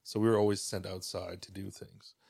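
A man from Mexico, a podcast guest, talking in a relaxed, rambling way with lots of fillers and restarts. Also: deep voice, brisk, gravelly, slightly rough, dry recording, clean studio sound. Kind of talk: casual podcast chat.

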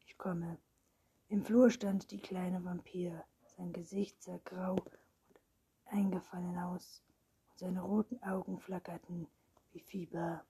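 Slow whispering woman reading a storybook. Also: on the low side, breathy edge. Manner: hushed, slow and even. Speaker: narrator.

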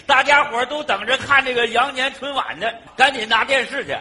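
A man with a Northeastern Chinese accent playing a forgetful, good-natured man who goes back to his old rented flat for his TV, in an exclaiming, lively comic stage style. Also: extremely high pitch, moderate pace, exaggerated voice. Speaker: sketch comedy actor. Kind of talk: stage comedy sketch.

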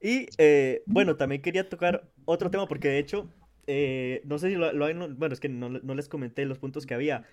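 A Costa Rican man hosting a relaxed podcast conversation, his voice sitting notably high for a man. He tells stories in a lively, animated way, breaking into imitated grunts and shouts. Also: fairly quick. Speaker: podcast host. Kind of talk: casual chat.

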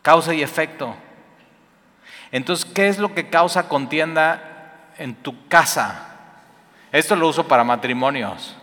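A man's voice: a little high, a little slow, long pauses, sharp tone, in a large hall. A man preaching a sermon in a conversational way, asking his listeners questions. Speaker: pastor.

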